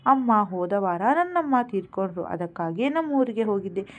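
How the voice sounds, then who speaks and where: A woman reading the lines of a poor, polite young man who is grieving, speaking softly. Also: mid-range voice, sing-song, brisk, highs cut off, natural voice. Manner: polite, soft-spoken.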